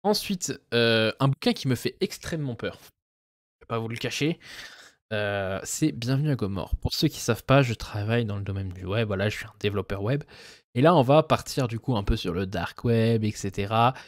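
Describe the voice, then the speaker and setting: A man's voice: on the low side, lively intonation, normal speed, no echo, clean studio sound. A man chatting casually about his monthly reading plans, rambling with many fillers and restarts. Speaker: booktuber; web developer. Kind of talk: casual book chat.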